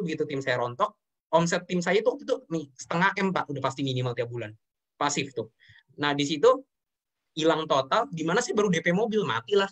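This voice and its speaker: A young man from Indonesia talks fast in a slightly high voice. He speaks earnestly and keeps addressing the host politely as he tells his story. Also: a bit bright. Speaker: guest sharing his business story. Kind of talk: emotional interview talk.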